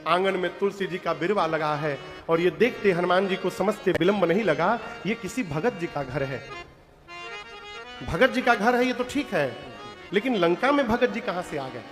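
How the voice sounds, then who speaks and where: A man with a Purvanchal Hindi accent tells devotional stories in a folksy way, often speaking straight to his listeners. His voice is high and carries well. It echoes through a large hall over soft instrumental music. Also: animated, moderate pace. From Purvanchal, India. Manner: folksy, addresses the audience directly. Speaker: devotional katha storyteller. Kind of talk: devotional storytelling sermon with sung verses. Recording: long hall reverb with music.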